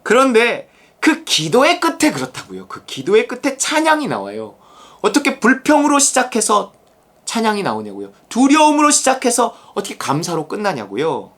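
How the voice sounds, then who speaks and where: Animated, conversational Korean pastor. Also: mid-range voice, normal speed. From South Korea. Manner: animated and emphatic, acts out prayers. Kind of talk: conversational sermon.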